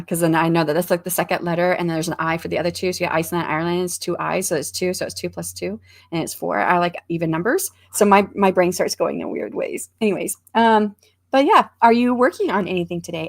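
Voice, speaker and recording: A woman chats her way through a livestream, greeting viewers and reading their comments aloud. She rambles, restarts sentences and fills pauses with ums. Her voice has a gravelly fry to it. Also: on the low side. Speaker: livestream host reading chat. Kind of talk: casual chat.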